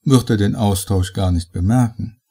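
A man's voice: lowish voice, moderate pace, mellow, breathy edge. A man doing a sly scheming host. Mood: excited. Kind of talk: audiobook character voice.

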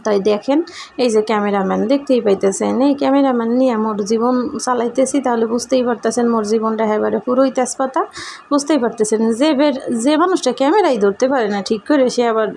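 A woman's voice: fairly high pitch, fast, vocal fry, a little mellow. A woman vlogger with a Barishal Bengali accent, chatting casually and rambling to her viewers while teasing the cameraman, her husband, who holds the camera. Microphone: camera held by her husband.

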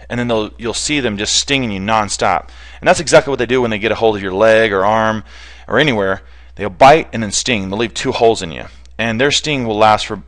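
A man with a lowish, fairly bright, clean-toned voice. He's a hands-on bee removal specialist giving an informal, unscripted explanatory presentation, talking in a plain, conversational way.

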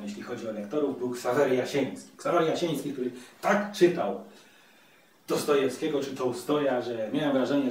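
A man's voice: medium pitch, a little hiss or hum. A man hosting a casual video review, talking in a chatty, playful way. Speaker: audiobook reviewer, host. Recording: very echoey room, distant mic.

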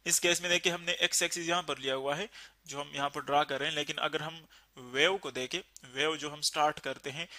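A man teaching a physics lesson, explaining slowly and repeating key terms. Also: a little high, sharp tone.

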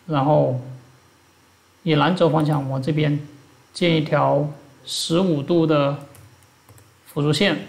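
Gravelly man giving a step-by-step tutorial. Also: fairly high pitch. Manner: step-by-step, plain explaining. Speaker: instructor. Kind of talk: screen-recorded software tutorial.

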